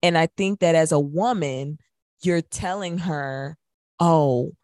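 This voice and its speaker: A woman with a fairly low, darkish voice co-hosts a casual radio talk show, chatting conversationally and putting her opinions forward. She takes it slowly. The recording is dry, with no room sound around it.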